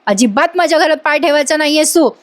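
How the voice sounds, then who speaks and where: Woman voicing a commanding father, high. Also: expressive, fast. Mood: stern. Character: stern father of the house, commanding.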